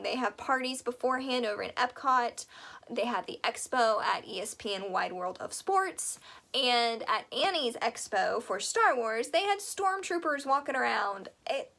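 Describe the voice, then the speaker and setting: Woman, young adult, vlog host, chatty, enthusiastic, slightly high voice, losing her voice. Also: vocal fry, bright, forceful tone. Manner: chatty, enthusiastic, rambling asides. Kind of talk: casual advice vlog.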